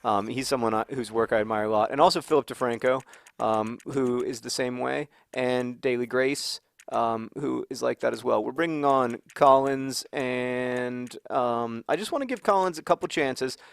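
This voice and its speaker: A man's voice: mid-range voice, moderate pace, gravelly, smooth, no echo. A man hosting a gaming video, chatting casually and rambling with joking asides while he plays.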